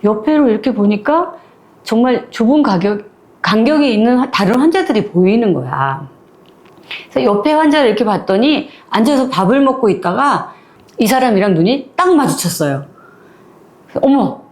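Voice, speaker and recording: A high-pitched woman telling a story in a relaxed, chatty way. She keeps it lively and acts out the characters' lines as she narrates. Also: moderate pace. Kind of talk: casual spoken retelling of a short story.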